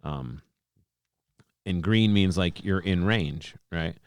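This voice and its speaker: Podcast co-host, man in his forties, very deep voice, close dry mic, rambling explainer. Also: takes it slowly, no room sound. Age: 40s. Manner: rambling, explains at length with many restarts. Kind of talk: casual chat.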